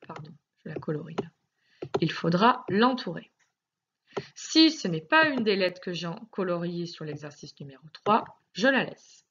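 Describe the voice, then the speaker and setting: A primary school teacher with a French accent gives a recorded phonics lesson for young children, speaking slowly and pronouncing each word with sing-song emphasis. Her mid-range voice has a fairly bright tone, though the audio sounds dull.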